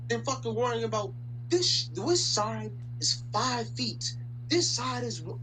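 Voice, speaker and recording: A man's voice: very high-pitched, lively intonation, a little slow, low-quality recording. A young man from the Dominican Republic ranting casually in a video chat, slangy and profane, rambling with lots of fillers. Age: young adult. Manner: slangy, swears a lot, rambles with many fillers. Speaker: random video chat stranger. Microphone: video chat computer mic. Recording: video chat audio with loud background hum.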